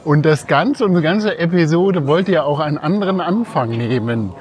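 A man's voice: fairly high pitch, animated, moderate pace. A man co-hosting a podcast, explaining things casually while walking outdoors. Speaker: podcast co-host. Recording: faint outdoor ambient noise. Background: faint outdoor ambience.

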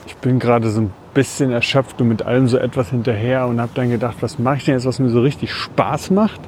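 A man's voice: medium pitch, steady tone, brisk, darkish tone. A man with a mid-range voice chats as a podcast co-host while walking. His explanations ramble and correct themselves, with light outdoor noise behind him. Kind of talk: casual chat while walking. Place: outdoors on a city route beside railway tracks. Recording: outdoor ambient noise, passing vehicles.

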